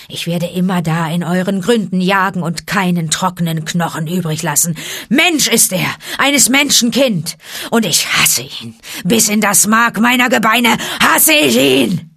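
A woman's voice: on the low side, a bit bright, no room sound, clean studio sound. A woman voicing a raging, bellowing tiger villain. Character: proud vicious male tiger, hateful and menacing. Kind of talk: audiobook character voice.

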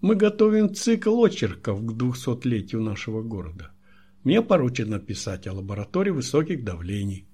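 A man's voice: medium pitch, very animated, moderate pace, mellow, slightly rough. A man reading a polite, businesslike young woman reporter in an audiobook.

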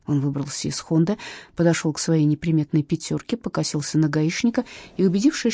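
A woman's voice: mid-range voice, dark tone, dry recording, clean studio sound. A woman narrating a detective novel as an audiobook, reading expressively. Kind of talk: scripted narration.

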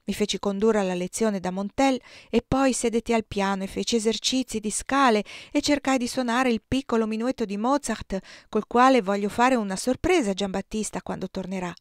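A woman reading a novel aloud as an audiobook narrator, with a measured and expressive delivery on a close microphone. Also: medium pitch, no room sound. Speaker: audiobook reader.

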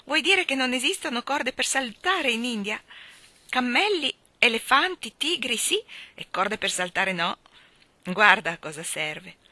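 A woman's voice: a little high, a little slow, sharp tone, dry recording. A woman voicing a cheerful, chatty young housemaid who tells homely stories in a storybook reading.

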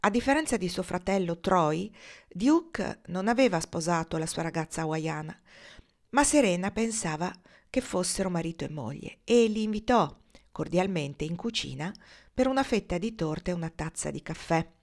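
A woman's voice: on the low side, expressive, moderate pace, a little mellow. Woman reading a novel aloud. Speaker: audiobook reader.

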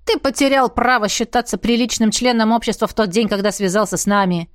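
A man's voice: high-pitched, steady tone, brisk, fairly bright tone, no room sound, studio quality. Woman doing a young male elf thief, cheeky, indignant, squabbling, raised voice, audiobook character.

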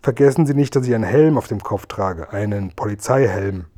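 A man doing a gruff, grumbling robber. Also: a little fast, mellow, close to an everyday voice. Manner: low, growling, curt. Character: gruff, crafty male robber, grumbling and blunt.

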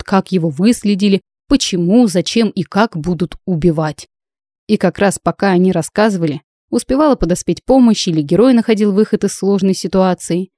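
A woman narrating a first-person fantasy audiobook in an expressive storytelling manner. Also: mid-range voice, no echo, studio quality.

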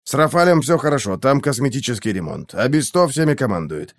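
A man voicing an anxious male airship captain who reports quickly and urgently in an audiobook. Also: mid-range voice, lively intonation, no room sound, studio quality, close to an everyday voice. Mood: telling.

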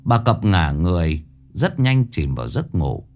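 A man's voice: sits low, big pitch swings, a little slow, darkish tone. Man telling a horror story dramatically. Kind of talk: scripted horror story narration. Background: faint background music.

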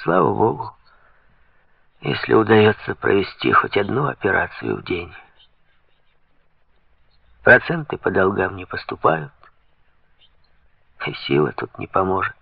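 A man's voice: low voice, lively intonation, a little slow, vocal fry, pauses often, breathy edge, dry recording, heavily acted. A man reading the part of dejected, hungry provincial bank clerks in a glum, subdued way, in a dull lo-fi recording. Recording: dull lo-fi sound.

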